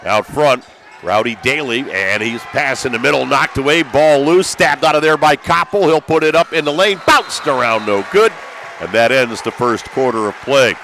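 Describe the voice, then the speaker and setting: An American man calls a basketball game live for radio from courtside in a packed school gymnasium, his mid-range voice pushed and bright at a normal speed. Chatter, gym ambience and bouncing basketballs fill the background.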